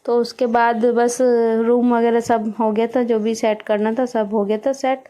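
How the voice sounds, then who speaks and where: A woman's voice: fairly high pitch, flat delivery, a little slow, dark tone. A woman, chatting casually through her home routine and explaining each step. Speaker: vlogger. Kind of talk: casual home vlog narration.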